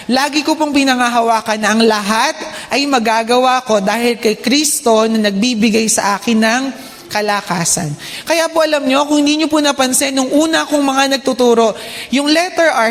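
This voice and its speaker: High-voiced Filipino woman preaching. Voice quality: slight trouble with the R sound. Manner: polite, checks in with the congregation with "Okay?"; mixes English phrases into her talk. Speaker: church speaker and children's teacher. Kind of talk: sermon. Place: church hall. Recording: long hall reverb.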